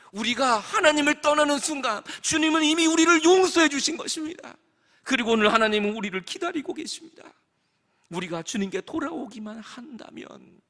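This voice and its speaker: High gravelly pastor guy preaching hard, echo of a big church. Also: bright, forceful tone. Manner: impassioned preaching, voicing the father's words. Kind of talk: sermon. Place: church sanctuary. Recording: reverberant church sanctuary.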